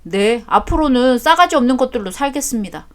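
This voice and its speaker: A woman's voice: fairly high pitch, expressive, fairly quick, close to an everyday voice. A woman voicing a blunt adult son who talks back cheekily to his father in a storybook drama. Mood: cheeky.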